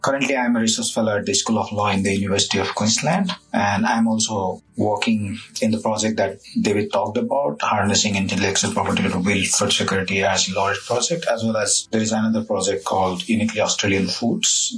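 Low-voiced man. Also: steady tone, fairly bright tone, faint music behind, poor audio. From Nepal. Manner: polite, deliberate, formal. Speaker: guest researcher. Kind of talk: interview self-introduction.

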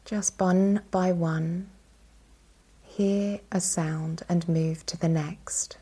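This is a woman guiding a yoga nidra meditation as its instructor, her tone soothing and calm. She speaks in a soft, breathy, fairly low voice and takes long pauses.

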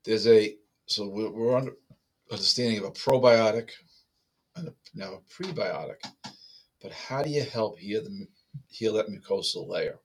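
A man's voice: on the low side, normal speed, long pauses, breathy edge. A man giving health advice to listeners, explanatory, with frequent restarts and hiccups. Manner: explanatory, with restarts and repeated okays. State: has the hiccups. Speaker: health talk presenter.

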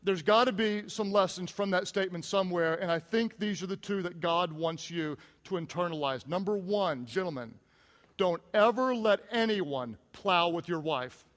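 A man's voice: high-pitched, normal speed, fairly bright tone, in a large hall. A man preaching a sermon, retelling a Bible story with humor and emphatic asides. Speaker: pastor.

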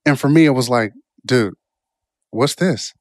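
Studio-quality and with no room sound, this recording captures a man of medium pitch speaking at a measured pace. He's an adult past college age and a motivational speaker, informally rambling through reflective personal stories in a self-help style and checking in with "right?"

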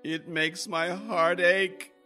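A man's voice: sits high, steady tone, takes it slowly, bright, forceful tone, faint music behind, heavily acted. An actor playing an earnest, plaintive man convinced he is Santa Claus, in a comic radio drama.

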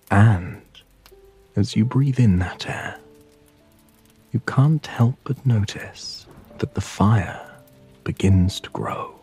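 A man narrating a sleep story in a hushed, soothing, breathy voice that often slips into a whisper, guiding the listener to relax. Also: deep voice. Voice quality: breathy, husky.

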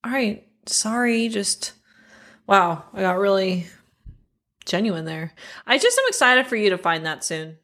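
A woman's voice: mid-range voice, big pitch swings, a little slow, fairly bright tone. A woman co-hosting a podcast in casual, comedic chat, earnest and playful, often asking questions. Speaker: podcast co-host.

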